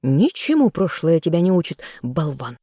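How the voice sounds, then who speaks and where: An audiobook reader voicing a furious, spiteful noblewoman, the king's sister, who scolds in sharp outbursts. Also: expressive, husky, no room sound, studio quality. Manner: shrill, scolding, quick outbursts. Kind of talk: audiobook role reading.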